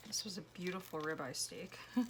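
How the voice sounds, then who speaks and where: A woman giving casual commentary while making a collage, a little hoarse as she loses her voice, dropping to a whisper as she works. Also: lowish voice, brisk, a little hiss or hum. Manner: chatty, drops to a whisper while working. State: losing her voice. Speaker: collage artist.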